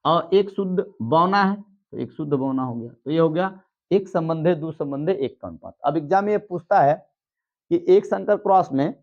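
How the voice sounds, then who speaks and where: A man's voice: on the high side, dull audio. A man teaching a biology lesson at a board, explaining step by step and checking in with students. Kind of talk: blackboard lesson.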